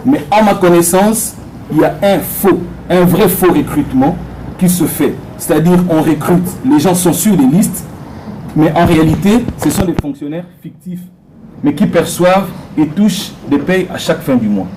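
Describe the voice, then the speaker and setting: A man's voice: fairly high pitch, normal speed, warm tone, a little hiss or hum, poor audio. A man from Congo, a soldier, putting pointed, insistent questions to a politician at a public meeting. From Democratic Republic of the Congo.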